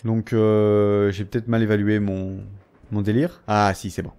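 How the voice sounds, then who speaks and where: A man casually commentating his gameplay, talking straight at the characters, mocking and taunting enemies, dropping from low muttering to excited yelps. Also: measured pace, slight background noise. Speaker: let's play gamer.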